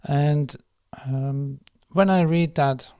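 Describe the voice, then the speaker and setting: A man guiding a meditation and slowly reading a prayer, soft and unhurried, with pauses and fillers. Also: fairly high pitch, smooth, no echo, clean studio sound. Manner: reads the prayer slowly and firmly. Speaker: meditation guide. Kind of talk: guided meditation.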